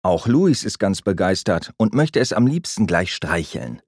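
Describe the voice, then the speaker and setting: A man reading a children's story aloud, gentle and expressive. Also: deep voice, measured pace, no room sound, studio quality. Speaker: narrator.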